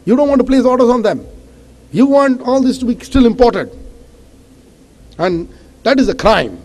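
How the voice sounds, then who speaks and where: A man's voice: high-pitched, darkish tone. Emphatic Indian man in echoing hall. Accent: Indian English. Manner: emphatic, warning, repetitive "you know". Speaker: awards host and speaker. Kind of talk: impassioned stage speech. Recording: long hall reverb.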